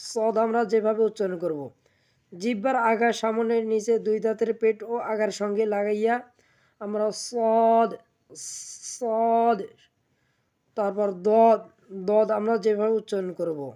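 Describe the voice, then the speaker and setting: A woman teaching how to pronounce Arabic letters, slowly, repeating each sound several times. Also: mid-range voice, dark tone. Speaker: Quran teacher. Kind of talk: step-by-step pronunciation lesson.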